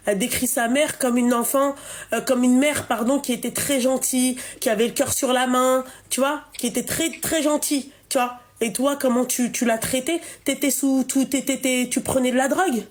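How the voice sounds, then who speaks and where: Femme aiguë qui sermonne avec insistance. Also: female voice, sits high, fairly even intonation, moderate pace. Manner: scolding, emphatic, repeats herself. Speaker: live stream host. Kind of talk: live call-in chat.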